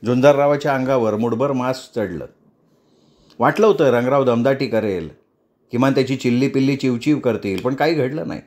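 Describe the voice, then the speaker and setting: Male storyteller reading a novel. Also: medium pitch. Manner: steady storytelling, plays the characters. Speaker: audiobook narrator.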